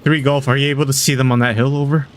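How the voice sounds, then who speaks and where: A man's voice: mid-range voice, flat delivery, fast talker. A man playing a section leader in a military simulation game, mixing brief radio replies with casual chat.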